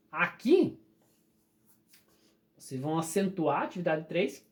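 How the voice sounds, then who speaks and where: A recorded grammar lesson is patiently explained by a teacher whose accent is Brazilian Portuguese. She slowly stretches the key words, speaking in a mid-range voice.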